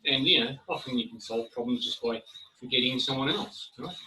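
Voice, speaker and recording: A man joining an online workshop discussion over a video call, a bit breathless, talking in a loose, relaxed way. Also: mid-range voice, brisk. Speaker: webinar participant. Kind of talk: casual discussion. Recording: distant mic with faint noise.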